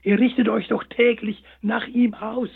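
A man voicing a small, lonely young male hare in a storybook, earnest and pleading, with a husky voice on a tinny line. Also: extremely high pitch, level tone, unhurried, voice pushed up, full character voice. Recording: tinny phone-like sound.

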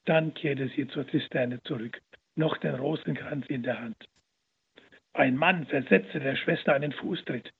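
A man's voice: medium pitch, a little slow, vocal fry, husky. A man narrating a religious story aloud in an earnest, dramatic manner, heard over the radio. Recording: phone-like radio broadcast.

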